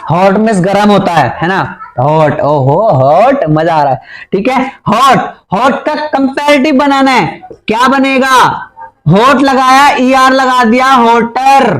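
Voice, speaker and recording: A man's voice: extremely high pitch, unhurried, fairly bright tone, poor audio. A man teaching a playful grammar lesson at a board, chatty and teasing his students, with a Hindi accent.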